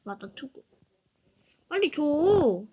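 A young woman playing a game, chatting playfully to herself and breaking into sudden loud squeals. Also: high voice, very animated, slow pace, a little hiss or hum. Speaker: game player. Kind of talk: Minecraft-style role-play commentary.

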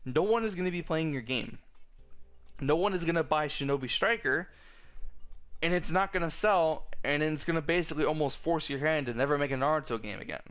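This man's voice sits a little high, smooth and fairly bright, and he talks briskly. Frustrated, he curses his way through a rant about a video game, tripping over words, restarting repeatedly, and cracking as he goes, with quiet music in the background.

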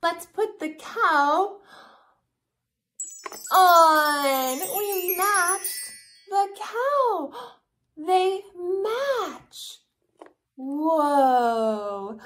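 A woman's voice: very high voice, expressive, very slow, pauses often, bright, forceful tone. A woman in her thirties hosting a children's lesson, talking simply to a toddler in a sing-song, exaggerated way with repeated phrases. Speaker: children's educational video host.

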